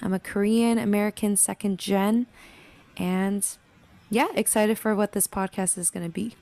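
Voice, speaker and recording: A woman's voice: medium pitch, fairly even intonation, moderate pace, creaky, warm tone. A young woman from the Pacific Northwest co-hosting a podcast in a casual, friendly chat, laughing easily. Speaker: podcast co-host.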